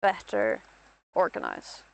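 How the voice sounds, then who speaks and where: A young Irish woman streams casual gameplay commentary, rambling, self-deprecating, and talking to herself. She takes it slowly, and the recording is rough.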